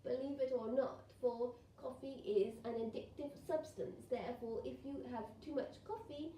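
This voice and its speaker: A woman's voice: high voice, normal speed, dark tone. A woman speaking as a trance seance medium, delivering spirit messages in ceremonial, formal phrasing as a collective spirit. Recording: roomy echo, distant mic, faint noise.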